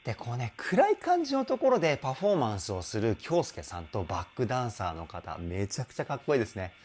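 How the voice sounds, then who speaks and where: A man's voice: mid-range voice, wildly swooping pitch, quick pace, darkish tone, husky. A man working as a vocal trainer, giving enthusiastic, explanatory commentary as he analyzes a song.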